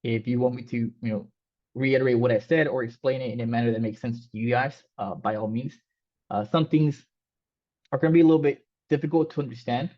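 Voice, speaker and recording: This coding instructor, a Mexican man whose native language is Spanish, leads an online class in a fairly quick, medium-pitched voice with fairly even intonation. His loose, casual delivery is peppered with fillers and restarts, and the recording is slightly dull and lo-fi.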